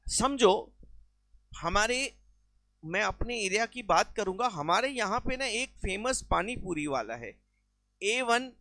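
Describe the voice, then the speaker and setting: A man's voice: high-pitched, pushed and bright, no echo. A man teaching a recorded exam-prep lecture, explaining with everyday examples and mixing English terms into his speech.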